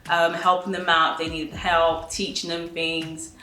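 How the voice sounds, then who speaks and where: A woman's voice: fairly low pitch, level tone, unhurried, pushed and bright. A woman in her twenties, a trainee solicitor, giving a chatty, light-hearted documentary interview. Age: 20s. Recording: echoey room with faint noise.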